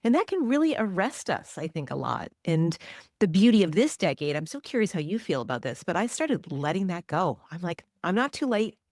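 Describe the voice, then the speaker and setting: A woman's voice: fairly low pitch, big pitch swings, fairly quick, a little mellow, no echo, studio quality. A woman in her forties, a journalist and author, answering interview questions in a reflective, earnest way. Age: 40s.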